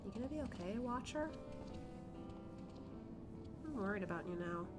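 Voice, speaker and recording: A woman's voice: mid-range voice, lively intonation, normal speed. A woman streaming a game, chatting casually and muttering asides to herself. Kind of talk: live game stream, casual asides and reading dialogue aloud. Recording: loud game music behind. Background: game music.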